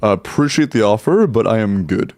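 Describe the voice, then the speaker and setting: This streamer has a lowish, slightly mellow voice and speaks fairly quickly and expressively into a headset mic. Playing a game live, he chats casually with viewers, tripping over and repeating words as he reacts; the recording is dry.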